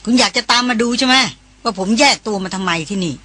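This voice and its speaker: A woman's voice: fairly high pitch, fast, bright, forceful tone. A woman voicing a tough, hot-tempered male jungle guide who talks in clipped, scolding commands in an audiobook. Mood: stern.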